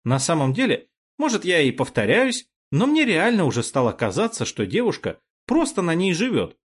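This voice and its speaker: A man narrating a first-person audiobook in a wry, expressive storytelling manner. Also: fairly high pitch, slightly rough.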